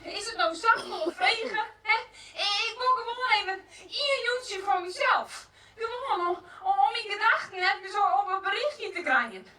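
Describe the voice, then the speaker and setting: A woman's voice: extremely high pitch, expressive, normal speed, few pauses, bright, forceful tone, full character voice. An actress on an outdoor stage playing an emotional woman who has run away from her husband, talking in a theatrical, laughing, exclaiming manner. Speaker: stage actor. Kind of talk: open-air theatre acting. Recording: distant outdoor stage recording, faint noise.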